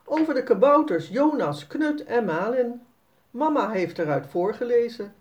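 A storyteller voicing an excited, insistent little girl. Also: mid-range voice, measured pace, far from the mic, muffled recording, voice pushed up, lightly acted.

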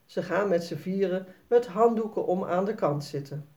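A woman narrating a children's story read aloud in a clear storytelling manner. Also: mid-range voice, normal speed, a little mellow.

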